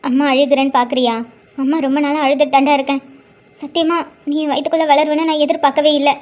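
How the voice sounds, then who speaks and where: A woman's voice: high-pitched, little pitch movement, fast talker, dull audio, natural voice. A woman voicing a hurt young mother who speaks emotionally and tearfully but stands firm. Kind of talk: cartoon drama voice acting.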